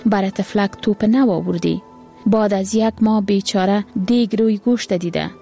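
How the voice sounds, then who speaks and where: A woman's voice: medium pitch, fairly even intonation, gravelly, mellow, soft background music, natural voice. A woman voicing a worried, loving mother and wife, with an exclaiming, pleading manner. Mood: anxious.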